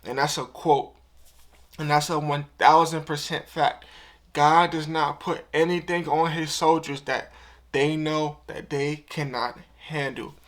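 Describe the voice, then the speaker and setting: A man's voice: a little high, steady tone, unhurried, fairly bright tone. A young man of twenty talking to camera in a heartfelt, emotional vlog, earnest and casual, often repeating himself. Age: 20s. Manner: casual slang-filled talk. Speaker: YouTuber.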